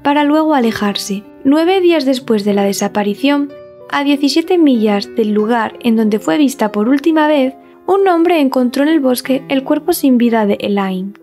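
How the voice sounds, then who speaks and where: A woman's voice: high-pitched, lively intonation, moderate pace, mellow, faint music behind. A woman reading a scripted true-crime narration.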